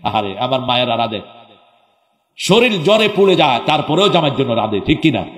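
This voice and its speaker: A man's voice: medium pitch, sing-song, brisk, fairly bright tone. A man preaching a sermon to a crowd. He asks the crowd questions, answers them himself, and sometimes breaks into chanted phrases. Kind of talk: Islamic sermon at a public gathering. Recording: echoey hall with long reverb.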